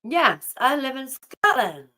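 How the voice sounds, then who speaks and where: Woman, middle-aged, unhurried, chatty livestream talk, rambling. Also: high-pitched, sing-song, bright, forceful tone. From Newcastle, England. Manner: rambling, chatty, answers viewers' comments aloud. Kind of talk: casual chat.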